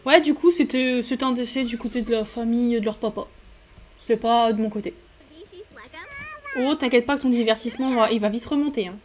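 A woman chatting casually while playing a life-simulation game, talking to her characters and getting excited at home at her microphone. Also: a little high, fairly quick. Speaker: gaming YouTuber. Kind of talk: casual let's-play commentary. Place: home room. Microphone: desk microphone.

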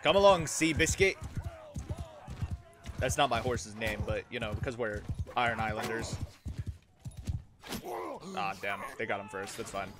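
A man's voice: lowish voice, little pitch movement, moderate pace, pauses often, noisy background. A man giving casual, informal gameplay commentary, sweary and self-deprecating. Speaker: YouTuber, game streamer.

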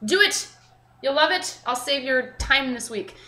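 Animated yet a little slow, her high, sharp voice carries through a roomy, echoey, noisy home kitchen. The young adult cooking host gives a chatty, informal demonstration to camera, thinking aloud as she works, with a camera mic a few feet away.

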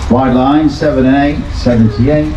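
A man's voice: medium pitch, fairly even intonation, a little slow. A man working as a bingo caller, reciting numbers in formulaic, sing-song patter with rhyming nicknames. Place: seaside amusement arcade bingo hall. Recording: dull echoey arcade PA, background noise.

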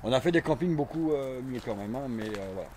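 Animated and fairly quick, this man's mid-range voice is a little mellow, with slight background noise behind it. The forties-aged urban explorer vlogger strolls through an abandoned, burned campsite outdoors, rambling chattily to his action camera, held in hand or on his chest, with many fillers and repeats.

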